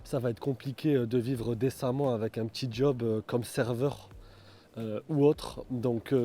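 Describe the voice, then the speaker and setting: A man from France talks through a city walkthrough in a relaxed, chatty way, with lots of pauses and restarts. He is recorded outside, and loud street noise runs under his voice. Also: medium pitch. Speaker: vlogger. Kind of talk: casual travel vlog walkthrough. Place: outdoors in a city.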